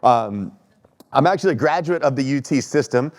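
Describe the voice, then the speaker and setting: A Texan keynote speaker in his thirties, sounding stuffy from allergies, gives a conference talk from a lecture hall stage. His mid-range voice has lively intonation and a moderate pace, and his Texan-accented delivery is conversational and self-deprecating, with questions put to the audience.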